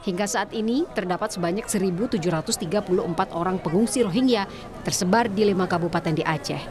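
A woman field reporter, reading a news report in a steady, formal voice. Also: mid-range voice, quick pace, music in the background, crowd noise.

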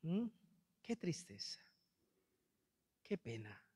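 The young priest from Peru preaches in a sing-song manner, stretching his words out in a slightly high voice that is mellow yet a bit rough. Holding a handheld mic in a big church, he repeats phrases with passion and reproach, his Peruvian Spanish accent evident. The space gives the sound a long reverb.

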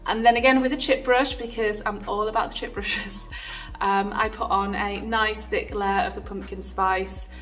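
Female tutorial host, easygoing and chatty, a bit off-mic, soft music behind. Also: medium pitch, moderate pace, far from the mic. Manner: chatty, relaxed, with frequent ums. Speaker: furniture painting tutor. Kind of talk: casual tutorial voice-over.

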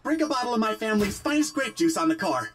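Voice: medium pitch, sing-song, fast, background noise. Bubbly robot customer. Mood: eager. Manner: bubbly, eager requests. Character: cheerful robot customer about to get married. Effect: robot voice from the game. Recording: game audio over music.

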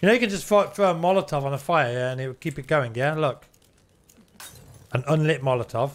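A man chats casually through a live game stream. His voice sits a little high for a man, and his manner is talkative and teasing. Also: fairly quick. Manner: chatty, teasing. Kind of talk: casual live gameplay commentary.

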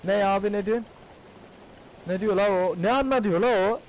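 A young man hosting a gaming channel, giving excitable casual commentary and shouting at the game characters. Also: sits high, brisk, slight background noise.

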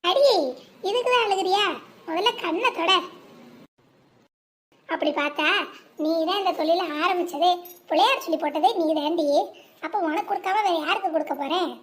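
A performer voicing a generous, bossy village elder sister who scolds and cares in the same breath. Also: female voice, extremely high pitch, moderate pace, long pauses. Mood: affectionate. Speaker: lead sister running a home business.

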